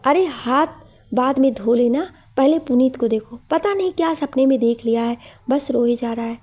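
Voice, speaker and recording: A worried father from a storybook, as a woman narrator puts him on, urgent and reassuring. The voice sits high and mellow with a husky, breathy edge. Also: moderate pace. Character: worried father soothing his son.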